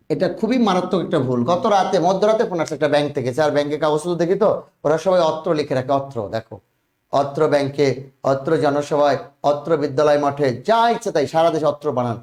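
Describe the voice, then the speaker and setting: A man with a high voice teaches spelling in an echoey room. He repeats each word over and over and presses his students for quick answers. His talk is brisk and coaxing, a classroom drill. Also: a little mellow. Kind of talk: online spelling lesson.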